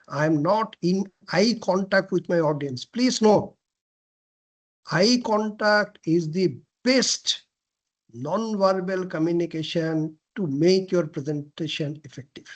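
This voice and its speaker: A man with a fairly high voice teaches a class on how to present well. He talks slowly and deliberately, putting questions to the room and answering them himself. He often clears his throat and restarts his phrases. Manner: frequent throat clearing and self-corrections. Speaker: lecturer on presentation skills. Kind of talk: classroom lecture.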